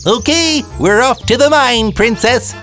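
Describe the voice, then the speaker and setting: A woman's voice: on the high side, unhurried, a bit bright, soft background music. A woman voicing a cheerful, curious little dwarf who speaks in a friendly way.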